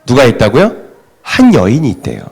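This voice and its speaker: A man's voice: mid-range voice, wildly swooping pitch, fairly quick, creaky, a little mellow, breathy edge. A middle-aged man preaching a sermon in a church, asking the congregation questions and answering them himself. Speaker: pastor. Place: church sanctuary.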